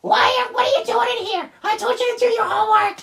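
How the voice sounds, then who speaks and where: A man voicing a shrill, witch-like, nagging stereotypical cartoon mother who scolds her child. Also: fairly even intonation, a little fast, gravelly, recorded from a distance, heavily acted. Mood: scolding. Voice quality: shrill, shrieking. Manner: scolding, yelling. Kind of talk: comedic voice impression.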